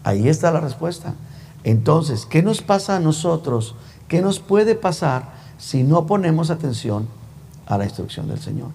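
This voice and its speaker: Male pastor, chatty sermon, fairly high voice, long church echo. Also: big pitch swings, a little slow, gravelly, darkish tone, breathy edge. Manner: conversational, rhetorical questions, teasing. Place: church sanctuary.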